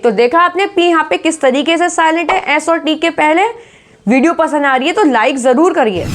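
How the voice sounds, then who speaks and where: A woman teaching English pronunciation, who drills each word and asks and answers her own questions. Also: high voice. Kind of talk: spoken English lesson.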